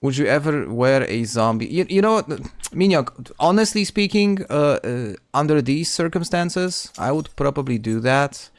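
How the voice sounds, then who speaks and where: A man's voice: on the high side, lively intonation, measured pace, few pauses, no echo. A man casually commenting on his gameplay stream, chatting with viewers and often restarting words.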